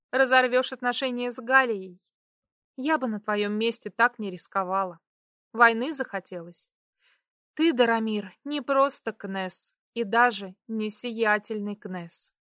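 A woman's voice: medium pitch, unhurried, fairly bright tone, dry recording, lightly acted. The narrator plays a proud young woman on the run in an audiobook romance. She speaks coolly and turns biting and mocking. The recording is dry and close. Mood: indignant. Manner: cool, then sharply mocking. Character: young woman in hiding, proud and sharp-tongued.

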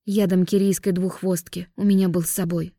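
A woman voicing a guilt-stricken young fairy woman, speaking in a halting, subdued way. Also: lowish voice, little pitch movement, dark tone, dry recording, clean studio sound. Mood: guilty.

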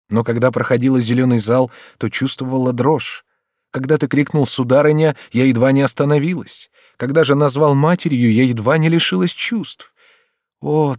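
A man's voice: medium pitch, a little mellow, dry recording, studio quality, lightly acted. A man reading an audiobook, voicing a noble countess and mother who is emotional and rises to cries.

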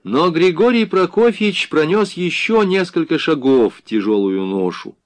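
A man narrating an audiobook in an expressive, dramatic reading. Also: fairly high pitch, a little slow, no room sound.

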